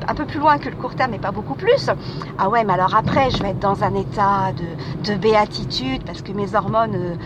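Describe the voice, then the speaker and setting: A woman hosting her own podcast, talking in a hesitant, casual monologue full of fillers and restarts. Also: mid-range voice. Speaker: podcast host. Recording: street noise with passing vehicles.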